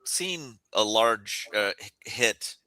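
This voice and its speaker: A man's voice: lowish voice, animated, takes it slowly, bright, forceful tone, no echo. A man chatting casually as a player in a tabletop game.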